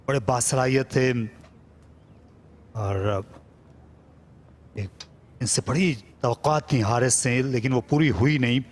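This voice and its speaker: A Pakistani man giving measured live play-by-play cricket commentary in descriptive, formal wording. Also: medium pitch, a little hiss or hum.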